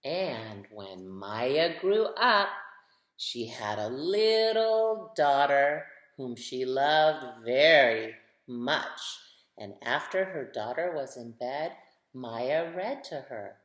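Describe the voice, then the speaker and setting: Reading a picture book to children, a woman speaks in a very deep voice at a slow, animated pace. She engages her young listeners with questions as she goes. The recording has a roomy, echoey quality.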